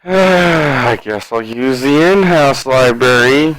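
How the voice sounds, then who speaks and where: A man's voice: mid-range voice, slow, a bit bright, slight background noise, poor audio. A man chatting casually as a player in a tabletop game, saying what his character does.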